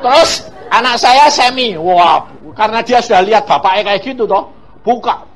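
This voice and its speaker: A middle-aged man, preaching a sermon as a lively story, acting out voices and laughing often. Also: high-pitched, normal speed, some chatter behind. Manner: animated, acts out voices, laughs often, addresses congregation. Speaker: evangelist preacher.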